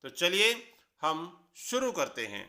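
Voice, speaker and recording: A man teaching pronunciation in a deliberate classroom manner. He spells each word letter by letter and then says the correct form twice. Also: fairly high pitch, wildly swooping pitch, bright, forceful tone. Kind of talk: slow, deliberate classroom explanation.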